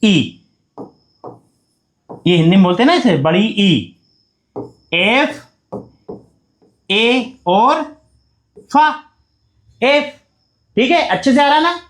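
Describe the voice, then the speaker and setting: A man's voice: very high voice, animated, very slow, pauses often. A man teaching beginners at a board, coaxing them along by asking questions and answering them himself. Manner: coaxing, repeats questions back to the class. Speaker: English teacher. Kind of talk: whiteboard lesson for beginners.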